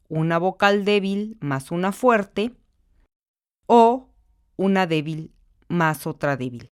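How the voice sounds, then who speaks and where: A woman's voice: mid-range voice, smooth. A woman with a Mexican accent, a university instructor giving a recorded lesson, patiently repeating words syllable by syllable. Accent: Mexican Spanish.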